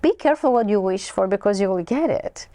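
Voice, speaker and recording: A woman's voice: medium pitch, brisk, dry recording. A woman in her sixties from Greece with a Greek accent, a chatty guest telling stories in a studio interview. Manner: chatty, expressive storyteller. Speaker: guest, winery co-owner. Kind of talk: conversational interview.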